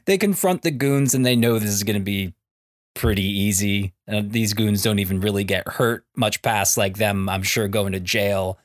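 A man with a fairly low voice chats with enthusiasm on a podcast, often restarting his sentences and throwing in jokey asides. The recording is dry and close, with no room sound. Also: moderate pace, no room sound. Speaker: podcast co-host. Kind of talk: casual comic book discussion.

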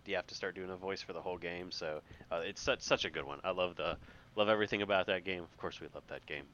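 Brief: male podcast co-host, quick bright delivery, lo-fi tinge. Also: sits low, a little hiss or hum. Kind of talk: casual board game podcast chat.

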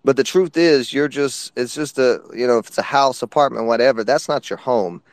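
A man's voice: medium pitch, brisk, dry recording. Laid-back man, dry sound. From East Tennessee. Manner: laid-back, preachy at times. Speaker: guest. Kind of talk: casual chat.

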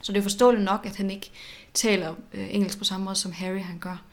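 A woman co-hosting a podcast in casual chat, animated and reflective, often repeating words as she thinks. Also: medium pitch. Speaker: podcast co-host.

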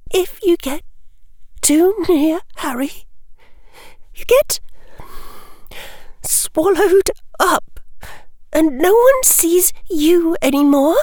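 A woman voicing an anxious young girl student, her voice trembling and halting, close to tears. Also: extremely high pitch, darkish tone, no room sound. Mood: upset. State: on the verge of tears.

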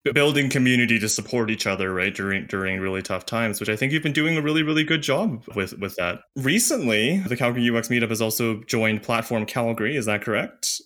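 A man's voice: medium pitch, quick pace, few pauses, a bit bright. A man hosting an interview, asking questions in a chatty, conversational way. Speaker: interviewer, podcast host.

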